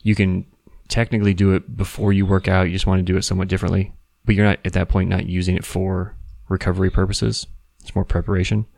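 A man's voice: low-pitched, level tone, fast, creaky, few pauses, darkish tone, no room sound. A man talking casually and explaining things as a podcast co-host.

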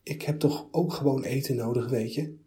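A man's voice: mid-range voice, moderate pace, warm tone, voice pushed up, lightly acted. A man voicing God as a humbled, cast-out figure who protests and pleads. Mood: plaintive. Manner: protesting, then pleading and self-pitying.

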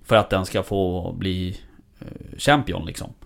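A man's voice: sits low, creaky. A man chatting casually about hunting dogs, rambling with many fillers and restarts. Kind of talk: casual chat.

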